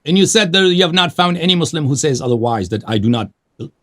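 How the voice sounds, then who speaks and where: A man hosting a live call-in debate, pressing his guest with animated, challenging questions. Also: a little high, fast talker. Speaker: show host.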